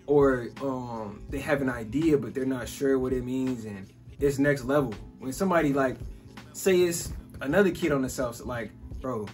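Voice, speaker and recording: With a mid-range voice, a Chicago podcast host in his twenties keeps things easygoing as he discusses business and money. "Bro" and "like" show up in nearly every line.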